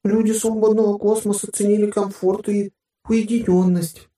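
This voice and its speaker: A male narrator voicing a calm, matter-of-fact female hologram guide with a plain, slightly curt way of explaining. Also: high-pitched, normal speed, echoey room, far from the mic, voice pushed up, lightly acted.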